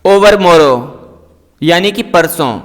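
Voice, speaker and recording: Slow, high-voiced man drilling vocabulary. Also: long reverb tail. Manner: repeats each word and its meaning twice, patient and explanatory. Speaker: English teacher.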